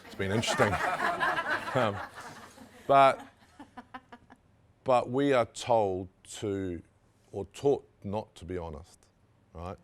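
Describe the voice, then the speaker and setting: A man in his fifties with a New Zealand accent, talking in a lively webinar, acting out quotes and swearing casually. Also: fairly low pitch, slow, long pauses, a little hiss or hum. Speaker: webinar speaker on mental health.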